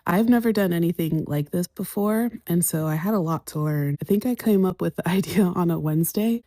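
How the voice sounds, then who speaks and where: A woman in her thirties from the United States hosts a casual solo podcast from her living room couch, chatting into her phone's voice memos and laughing often. Her voice is on the low side and warm, and the phone recording is dry.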